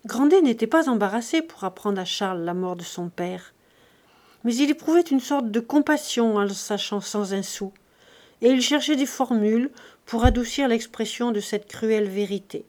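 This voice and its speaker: A woman reading a classic novel aloud as an audiobook, in a steady, measured way. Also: a little high. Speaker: audiobook reader. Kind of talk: scripted narration of a classic novel.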